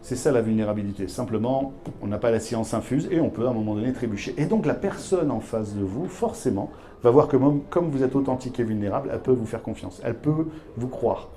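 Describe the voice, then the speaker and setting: Using a handheld microphone, a man leads a live masterclass for business leaders, speaking directly to the audience as an emphatic teacher who repeats key words. His medium-pitched voice is animated, fairly quick and mellow, with slight background noise.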